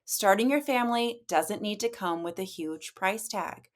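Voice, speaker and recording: A woman's voice: medium pitch, moderate pace. A woman reading an upbeat sponsor advertisement. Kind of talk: read advertisement.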